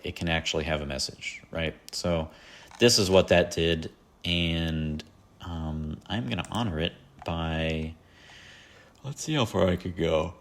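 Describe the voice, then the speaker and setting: A deep-voiced man hosts a solo podcast, rambling casually about his favorite albums with plenty of fillers and self-deprecating asides.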